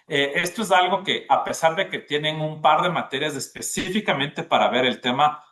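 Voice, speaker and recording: A man's voice: a little high, normal speed, fairly bright tone. A man, a gastronomy school dean, explaining at length in a podcast interview and often checking in with the listener. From Ecuador. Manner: explanatory, often tags "¿no es cierto?".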